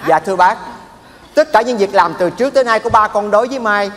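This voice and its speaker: A higher-pitched man's voice, earnest and polite, a young son. His words echo through a large theater hall. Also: quick pace, fairly bright tone. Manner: earnest, respectful explaining. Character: earnest young man explaining his father. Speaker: stage comedy actor. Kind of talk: stage sketch acting. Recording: live stage with hall echo.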